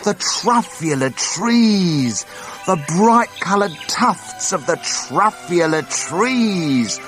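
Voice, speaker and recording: A man's voice: high voice, big pitch swings, extremely slow, voice pushed up, full character voice. A man voicing a secretive old recluse in a children's storybook, telling his past theatrically and stretching words with relish. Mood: excited, wondering. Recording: audiobook cassette with music behind.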